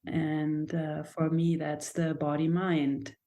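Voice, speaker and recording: Deep and mellow, this woman's voice stays level in tone and moves slowly. She's a German dance and movement teacher appearing as a guest on a reflective podcast, speaking English as a second language with hesitation, often restarting while she searches for words.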